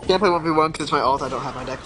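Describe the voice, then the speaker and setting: A man's voice: a little high, rapid-fire. A man casually commenting on his own gameplay during a live stream, laid-back and mumbling asides as he reacts to chat. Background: game music.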